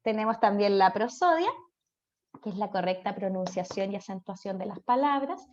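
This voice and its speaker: A woman's voice: medium pitch, lively intonation, normal speed, darkish tone, a little hiss or hum. A woman with a Chilean accent giving a class on speech therapy, chatty and checking in with students through frequent tag questions. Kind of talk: online class lecture. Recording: dull lo-fi audio.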